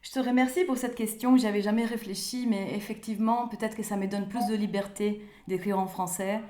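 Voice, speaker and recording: Fairly quick and steady in tone, her mid-range voice carries French through a spacious, echoing room. The guest is an Italian playwright, Italian by first language, who hesitates, repeats herself and laughs softly during this conversational interview.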